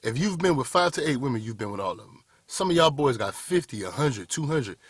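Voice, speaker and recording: Speaking directly to camera, this man in his 30s delivers a blunt, preachy motivational talk and addresses his audience as "y'all boys." He has a mid-range, very animated, slightly rough voice and talks fairly quickly. The camera-mic audio is dry, with clean studio sound.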